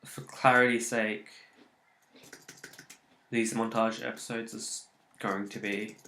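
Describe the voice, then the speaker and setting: Slow-talking man muttering over gameplay. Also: fairly low pitch, level tone, sharp tone, echoey room. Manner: muttering, swearing at failures, rambling. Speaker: let's play host. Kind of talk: casual gameplay commentary.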